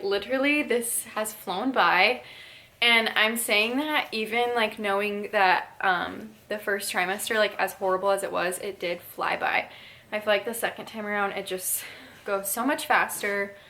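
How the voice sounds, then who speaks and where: A woman's voice: mid-range voice, pushed and bright. A woman in her twenties talking casually to her viewers in a vlog, a bit out of breath, chatty and full of fillers. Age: 20s. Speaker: YouTuber.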